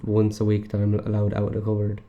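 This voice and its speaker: A man's voice: lowish voice, monotone, fast talker, dull audio. A young man on a casual gaming podcast, answering bluntly and brushing things off. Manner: blunt, dismissive, offhand. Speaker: podcast co-host.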